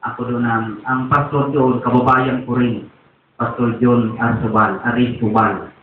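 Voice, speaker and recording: Preacher sa malayong tinny na recording. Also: male voice, mid-range voice, little pitch movement, a little slow, a little hiss or hum. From Philippines. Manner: rambling storytelling. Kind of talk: testimony sermon. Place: church. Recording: tinny echoey distant church recording.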